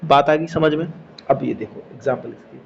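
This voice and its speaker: A man's voice: medium pitch, normal speed, creaky. A man teaching a Hindi grammar lesson, explaining step by step, repeating key words and checking that students follow. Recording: slightly dull recording with faint background noise.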